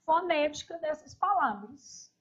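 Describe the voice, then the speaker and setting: A woman's voice: high-pitched, expressive, a little slow, dull audio. A woman teacher going through exam questions step by step, often checking in with short tag questions. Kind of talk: recorded exam review lesson.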